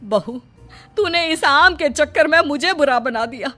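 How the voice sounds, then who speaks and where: Woman voicing a shrill nagging mother-in-law. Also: measured pace, bright, forceful tone, faint music behind. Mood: scolding. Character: scolding nosy middle-aged mother-in-law. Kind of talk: Hindi cartoon voice acting.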